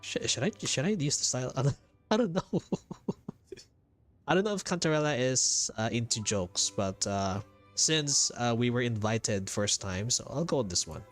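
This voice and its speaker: A man with a mid-range, animated voice gives casual live commentary over a video game playthrough at a moderate pace, thinking aloud hesitantly and repeating himself. Video game music plays behind him.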